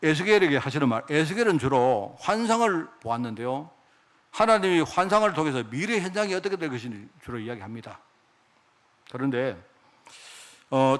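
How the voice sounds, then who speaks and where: Lively pastor, animated sermon. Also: male voice, medium pitch. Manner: lively, conversational preaching with rhetorical questions to the congregation; acts out God's and others' speech in quoted lines.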